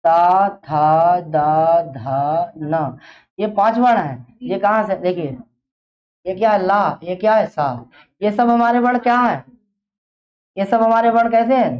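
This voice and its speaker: A woman's voice: medium pitch, animated, normal speed. A woman teaching an exam-prep class, who fires off a question, repeats it, and then answers it herself. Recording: dull lo-fi classroom recording.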